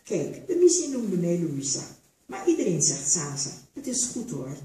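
Calm older village woman, read by a woman, soothing, lowish voice, echoey hall. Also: moderate pace. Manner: soothing, reassuring. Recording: echoey theater hall from far off.

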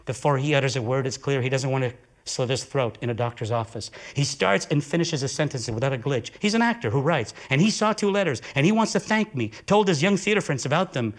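A man performing an intense, profane theatrical monologue with dramatic swings of pitch and volume. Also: animated, a little fast. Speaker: solo stage performer.

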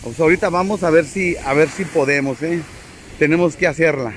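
A man live-streaming outdoors from a high spot by the sea, chatting and joking with his viewers and greeting them by name. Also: fairly quick, slight background noise. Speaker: vlogger. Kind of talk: casual live stream from the seafront.

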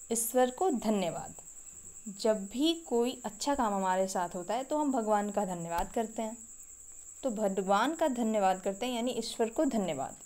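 A woman with an Indian accent teaching English vocabulary, explaining each phrase slowly and repeating it with pauses. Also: a little high, a little mellow. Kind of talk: spoken English vocabulary lesson.

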